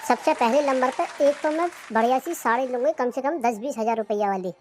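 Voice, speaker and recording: A woman voicing a demanding, sharp-tongued village wife in a cartoon comedy, with a bossy manner. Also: on the high side, brisk, a faint crowd, close to an everyday voice.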